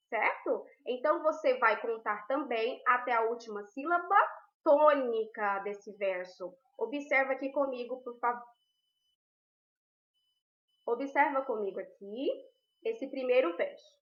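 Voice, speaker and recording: A woman's voice: sits high, fairly bright tone. A woman teacher giving a recorded class, explaining patiently step by step and checking in with her students often. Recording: roomy, dull lo-fi.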